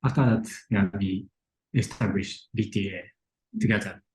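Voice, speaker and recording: A man, an architect who co-founded his firm, answering interview questions in brief, halting sentences. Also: on the low side, a little mellow, low-quality recording.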